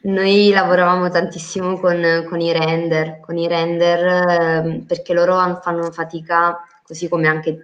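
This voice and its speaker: A woman's voice: on the low side, little pitch movement, normal speed, few pauses, dull audio. A woman chatting casually as a guest on a live stream about interior design, hesitant with many fillers and restarts.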